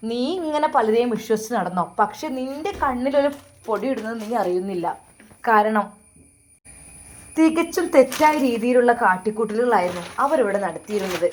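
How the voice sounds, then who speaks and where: A woman's voice: fairly high pitch, expressive, normal speed, slight background noise, natural voice. Woman voicing a harsh scolding mother. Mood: scornful. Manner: scornful, nagging, commanding.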